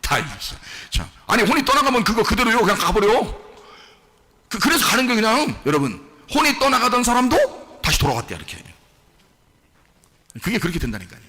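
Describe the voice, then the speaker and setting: A male pastor with a high voice preaches fairly quickly but leaves long pauses, his words echoing through a church sanctuary's hall reverb. Lively and inquisitive, he keeps asking the congregation for answers and shifts between casual and polite speech.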